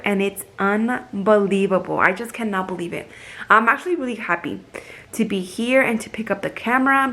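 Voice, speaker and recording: Excited bilingual young woman vlogging at home. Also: mid-range voice. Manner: excited, chatty, sprinkles Spanish phrases. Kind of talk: casual chat to camera. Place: at home, in her kitchen. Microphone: phone camera.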